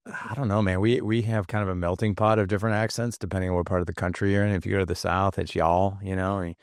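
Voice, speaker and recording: A man with a Midwestern American accent hosting a podcast interview, talking in a casual, energetic way with plenty of fillers. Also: low-pitched, fast, dry recording, clean studio sound. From St. Louis, USA. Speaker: podcast host.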